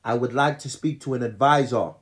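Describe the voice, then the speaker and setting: Husky, fed-up customer, acted by a man. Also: medium pitch, fairly quick, natural voice. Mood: impatient. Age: young adult. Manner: terse, fed up. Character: weary, impatient male customer calling a helpline. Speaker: customer in a phone sketch. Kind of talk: comedy skit acting. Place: small living room, on a sofa.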